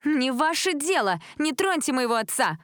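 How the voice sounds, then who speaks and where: A woman reading an audiobook voices a spoiled, touchy rich teenage girl who talks in a shrill, defensive way. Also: brisk, dry recording, clean studio sound, lightly acted. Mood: defensive, hurt. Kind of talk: audiobook character voice.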